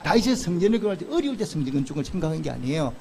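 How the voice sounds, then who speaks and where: A man preaching a sermon as pastor, asking the congregation questions and answering them himself, moving between loud exclamations and soft, slow murmurs. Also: a little high, very animated, vocal fry, slight background noise.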